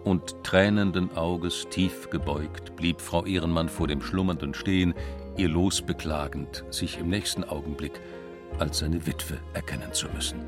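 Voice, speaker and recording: A man reading a story aloud in a measured, deliberate way for a radio feature. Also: sits low, fairly even intonation. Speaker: narrator. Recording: radio feature with music underneath.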